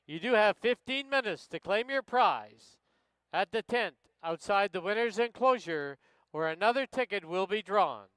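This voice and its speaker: A man working as a racetrack announcer, giving live announcements in a crisp, formulaic way. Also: high voice, lively intonation, moderate pace, a bit bright, no echo. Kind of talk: live horse racing announcements.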